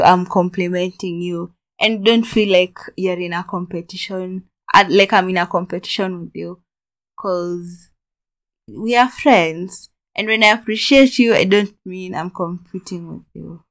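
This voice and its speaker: Animated woman co-hosting a chatty podcast. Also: fairly low pitch, moderate pace. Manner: animated, laughs often, restarts sentences. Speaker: podcast co-host. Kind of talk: casual chat.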